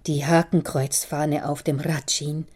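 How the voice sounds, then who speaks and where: A woman voicing a worried older father who speaks gravely and warns his daughter. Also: sits low, level tone, measured pace, a little mellow. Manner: grave, warning tone.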